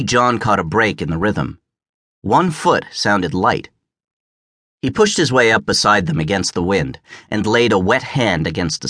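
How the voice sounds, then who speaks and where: A man narrating an audiobook as scripted narration, measured and even, on a close studio mic. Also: fairly low pitch, no echo.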